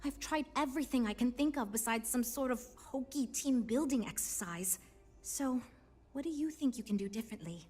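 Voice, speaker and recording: An actress voicing a weary but earnest starship designer in a video game, speaking in a dry, wry, patient way. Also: female voice, on the high side, normal speed, warm tone, husky, soft background music. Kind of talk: video game character dialogue.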